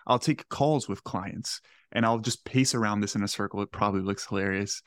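A man's voice: fairly low pitch, fairly even intonation, brisk, a bit bright, no room sound. A man in his twenties hosting a podcast from his home kitchen, eager and earnest, often repeating words. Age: 20s. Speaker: podcast host. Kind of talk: podcast interview.

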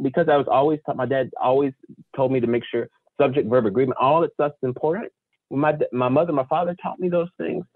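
A man speaking as a panel guest, explaining his views in an articulate, deliberate way with repeated emphasis. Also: a little high, no echo. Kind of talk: impassioned explanatory discussion. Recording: tinny phone-like line.

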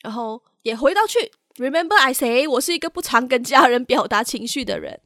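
A young woman co-hosting a podcast, telling a personal story in a halting, candid way and slipping into English phrases now and then. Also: high-pitched, sing-song, bright, forceful tone, no echo, studio quality. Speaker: podcast co-host.

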